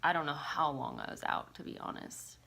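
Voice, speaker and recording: Woman vlogger with a low-leaning voice, confessional storytelling, loose and filler-heavy. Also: wildly swooping pitch, fairly quick, vocal fry, sharp tone. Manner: casual, confessional, lots of "like" fillers; swears casually. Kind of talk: personal storytelling to camera.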